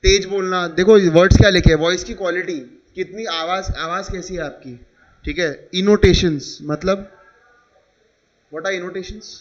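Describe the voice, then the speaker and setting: A man's voice: high-pitched, steady tone, measured pace, highs cut off. A man teaching a class with an Indian accent, explaining with examples and checking again and again that students follow. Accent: Indian English. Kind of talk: classroom lecture.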